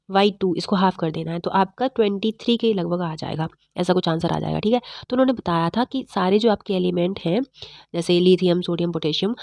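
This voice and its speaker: A woman teaching chemistry in a fast, repetitive exam-prep lecture, slightly unwell. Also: medium pitch, creaky, a little mellow, no room sound, studio quality. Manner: fast-talking, repetitive quizzing of students.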